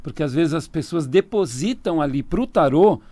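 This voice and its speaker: This radio studio guest is a tarot reader with a Brazilian Portuguese accent who talks casually, laughs easily and explains things at length. His fairly high, mellow voice has lively intonation and normal speed, with no echo.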